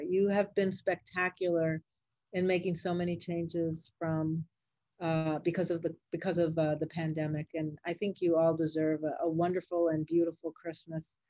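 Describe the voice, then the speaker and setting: Speaking in a low, darkish voice on a dry recording, this grandmotherly doctor fields interview questions in a relaxed way. She is from Puerto Rico or a Puerto Rican family, with Spanish and English as first languages, and keeps her words simple and encouraging for kids.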